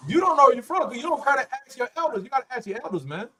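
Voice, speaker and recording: High-pitched guy hosting a podcast panel, argues and calls people out. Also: sing-song, racing, bright, forceful tone. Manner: argumentative, challenging. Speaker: podcast host. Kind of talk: heated panel debate.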